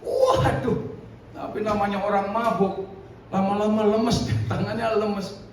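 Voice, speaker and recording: A man preaching a sermon in a lively, conversational way with frequent asides to the congregation. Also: high-pitched, unhurried. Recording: echoey room, distant mic, faint noise.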